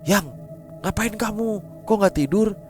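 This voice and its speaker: A young husband snaps back in brusque, dismissive lines, his voice pushed high above the man's usual, as the narrator acts him out. Soft music runs under the storytelling. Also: a little slow. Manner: dismissive, sharp.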